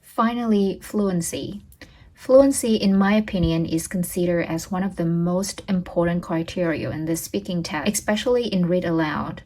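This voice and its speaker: A woman's voice: fairly low pitch, darkish tone, poor audio. A young adult woman giving a casual tutorial on exam speaking, repeating practice words and checking in with "okay?". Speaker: test-prep tutor.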